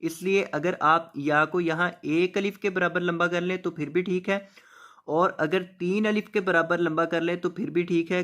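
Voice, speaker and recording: A man teaching Quran reading. He draws the verses out slowly, then explains the tajweed rules briskly and repeats each word. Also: fairly high pitch, a bit bright. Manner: repeats words and asks rhetorical questions. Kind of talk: tajweed lesson, slow drawn-out recitation then quick explanation.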